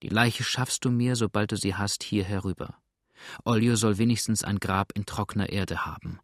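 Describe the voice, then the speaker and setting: A man's voice: lowish voice, fairly even intonation, normal speed, dry recording, clean studio sound. A man reading aloud as an earnest, determined lady who pleads firmly in a storybook. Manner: pleading, firm.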